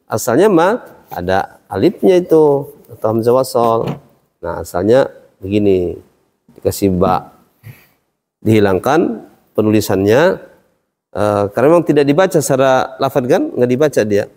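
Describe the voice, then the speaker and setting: A man's voice: mid-range voice, big pitch swings, moderate pace, long pauses, darkish tone. A man teaching a class, explaining step by step and quizzing his students. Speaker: Quran recitation teacher. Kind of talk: classroom lesson. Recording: long reverb hall.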